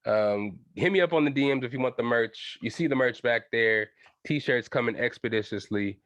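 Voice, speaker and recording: A young man with a stuffy nose hosts his own podcast solo, chatting loosely in slang and swearing while addressing listeners directly. His mid-range voice is a bit bright, his pace moderate, and the recording dry.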